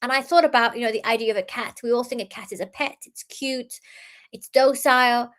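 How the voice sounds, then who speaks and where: A woman's voice: fairly high pitch, a little fast, fairly bright tone. Earnest woman speaker. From Iran, raised in the UK. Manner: many filler ums and restarts, earnest. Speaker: author and innovation speaker. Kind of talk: talk presentation.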